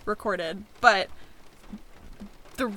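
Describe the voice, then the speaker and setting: Young American female podcast co-host, bright-toned, chatty and informal, swapping trip stories in a car. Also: mid-range voice, extremely slow. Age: young adult. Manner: giggly, informal, filler-heavy. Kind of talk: casual chat, telling travel stories. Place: inside a parked car.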